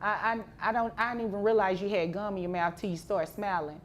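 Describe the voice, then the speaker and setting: A woman's voice: mid-range voice, fast, slight background noise. A woman judge questioning a litigant in a courtroom, casual and probing, with dry teasing asides.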